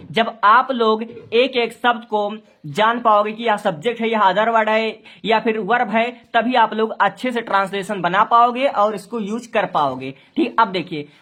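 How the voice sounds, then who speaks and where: In a medium-pitched, slightly bright voice, a woman explains a Hindi-to-English translation step by step. She asks questions and then answers them, spelling out words letter by letter.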